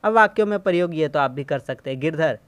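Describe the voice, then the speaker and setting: A man's voice: a little high, lively intonation, fast, clean tone, no room sound. A man teaching a school Hindi lesson, who asks questions and answers them himself and has students repeat word lists after him. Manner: friendly and reassuring, says "ठीक है भैया". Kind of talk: explaining a class 7 Hindi lesson.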